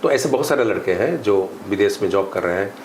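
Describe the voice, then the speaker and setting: In a podcast interview, an Indian man who teaches spoken English talks with emphasis in a lowish, brisk voice. His teaching is animated and forceful, blending Hindi with English phrases and drills. The room is echoey, with faint ambient noise.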